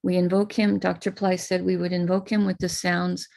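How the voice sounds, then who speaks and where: She's an American teacher guiding a prayer ritual live online via video call. Between slow, chanted invocations she gives calm instructions in a gravelly voice pitched fairly low.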